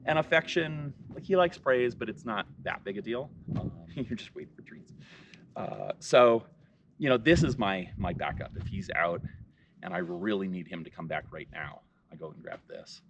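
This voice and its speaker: A man on his ranch, casually explaining how he trains his dog, with bursts of high praise for the dog. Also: expressive, normal speed, a bit bright, recorded from a distance, highs cut off, slight background noise. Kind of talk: casual vlog narration and dog commands. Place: outdoors on a ranch.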